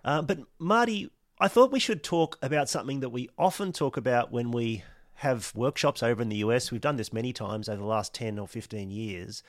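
A man's voice: medium pitch, no room sound, clean studio sound. A man hosting a podcast, chatting in an easygoing way over a remote call, his voice slightly muffled from a cold. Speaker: podcast host. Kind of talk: casual conversation.

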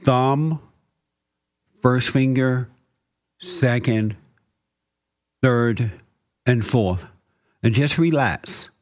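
Slow, calm man guiding a meditation. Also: medium pitch. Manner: slow, calm instructions with repeated phrases and scripture. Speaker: meditation guide.

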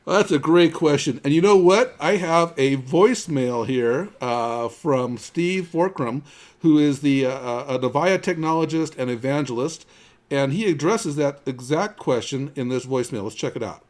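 A man hosts a conversational tech news podcast, his delivery halting as he often stumbles and repeats the starts of words. His pitch is fairly high and his tone a little mellow.

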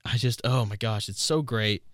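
A man's voice: mid-range voice, moderate pace, no room sound, clean studio sound. A man in his twenties hosting a casual solo podcast, amused and often laughing at his own stories. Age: 20s. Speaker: podcast host.

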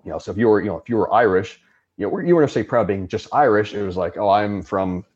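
A man's voice: lowish voice, expressive, rapid-fire, a little mellow. A man who is a podcast guest, talking in a casual conversation and ranting emphatically with a lot of swearing. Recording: dull lo-fi sound.

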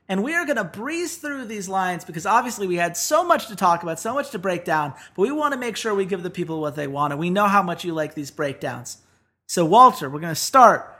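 A man's voice: sits high, bright, forceful tone. A man co-hosting a podcast in casual chat, upbeat and steering the segment from one betting line to the next. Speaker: podcast co-host.

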